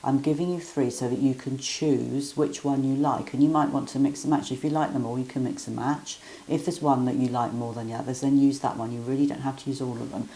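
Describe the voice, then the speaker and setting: A woman teaching guided breathing exercises in a gentle, encouraging, step-by-step way. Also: very deep voice, steady tone, a little fast, few pauses.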